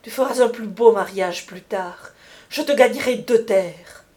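A woman's voice: mid-range voice, a little slow, darkish tone, close to an everyday voice. Woman reading a young courtesan, coaxing, intimate, tender and scheming, audiobook.

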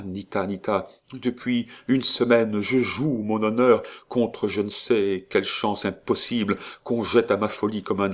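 A man reading aloud and voicing a passionate, anguished young nobleman, fervent and urgent. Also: lowish voice. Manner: fervent, impassioned.

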